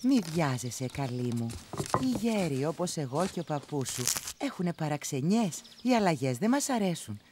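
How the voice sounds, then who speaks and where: An actress playing a gentle, wise blind grandmother in her old age in a dubbed cartoon, speaking softly and affectionately. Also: low voice, very animated, background noise. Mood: tender. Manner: soft, affectionate. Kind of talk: cartoon dub.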